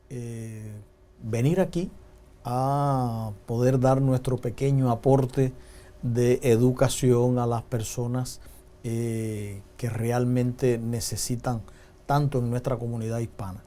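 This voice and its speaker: Calm, mellow-voiced male doctor explaining. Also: mid-range voice, slow, slight background noise. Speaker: physician guest. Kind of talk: educational explanation on a TV talk show.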